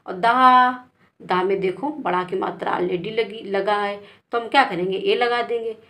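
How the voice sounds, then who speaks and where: A woman's voice: mid-range voice, fairly even intonation, measured pace, a bit bright. A woman from India teaching a beginner spelling lesson, spelling words out letter by letter and calling her learners "beta".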